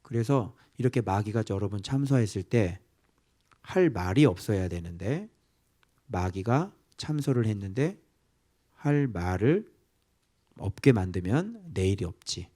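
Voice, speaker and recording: Animated Korean pastor preaching a sermon. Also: male voice, on the low side, measured pace. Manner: animated, asking the congregation questions, dropping to whispered asides.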